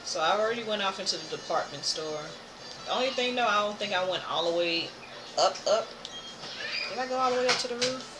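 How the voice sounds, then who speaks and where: An American streamer gives casual gameplay commentary, thinking aloud in a loose, playful way. Video game music plays clearly behind the voice. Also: medium pitch, lively intonation, a little fast, low-quality recording. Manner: playful, hums filler tunes, reads game text aloud.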